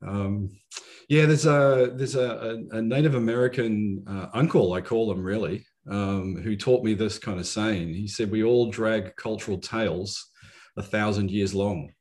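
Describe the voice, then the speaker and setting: Low-voiced New Zealand man, measured and reflective. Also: darkish tone. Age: 50s. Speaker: podcast guest. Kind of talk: reflective conversational self-introduction.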